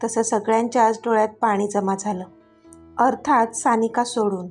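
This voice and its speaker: A woman narrating a romance story serial in an expressive, dramatic reading. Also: fairly high pitch, normal speed. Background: faint music.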